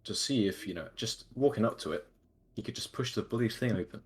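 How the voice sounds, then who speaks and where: A man's voice: fairly low pitch, fairly quick, crowd noise. A man playing a tabletop role-playing game, chatting casually and narrating his character in a rambling, informal, sweary way.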